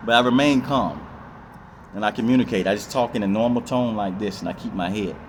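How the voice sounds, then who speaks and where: A man's voice: lowish voice, brisk, slight background noise. Rambling man giving casual life advice. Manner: rambling, repetitive, with many fillers and acted-out quotes. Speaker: vlogger.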